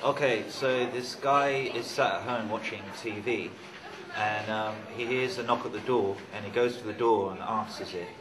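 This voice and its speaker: A man's voice: moderate pace, crowd noise, poor audio. A man telling a long joke casually, rambling with ums and uhs. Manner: rambling storyteller, squeaky high voice for the snail. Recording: background noise on location.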